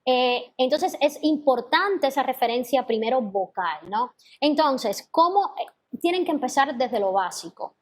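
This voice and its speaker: Her high-pitched voice is animated and a little slow as this vocal teacher offers online feedback to her singing students. She patiently explains, singing sample notes and scat syllables along the way.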